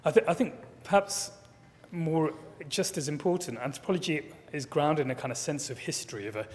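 A man's voice: fairly high pitch, a little fast. Man answering questions in a hall. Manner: thoughtful, repeats words as he builds points. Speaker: keynote speaker. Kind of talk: conference Q&A answers. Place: large conference hall, at a lectern. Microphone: lectern microphone. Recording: long reverb of a hall.

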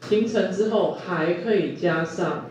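A man's voice: high-pitched, unhurried, darkish tone, a little hiss or hum. A male university lecturer, teaching a class and quizzing students with repeated questions. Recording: echoey room, distant mic, muffled.

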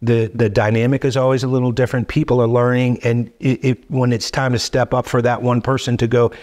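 A middle-aged man, guest and co-creator of the show, talks on a casual podcast interview into a boom mic on a desk stand in a wood-paneled studio. His medium-pitched, darkish voice is brisk and flat. He sounds reflective, repeating words as he thinks.

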